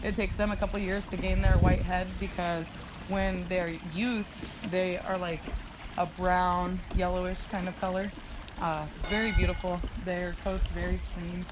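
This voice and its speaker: A woman's voice: on the low side, level tone, measured pace. A woman in her twenties from Alaska, chatting and pointing out wildlife as a boat tour guide, laughing easily. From Ketchikan, Alaska. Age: 20s. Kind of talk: guided tour commentary and casual chat. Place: outdoors on a boat on the water. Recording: boat and water noise.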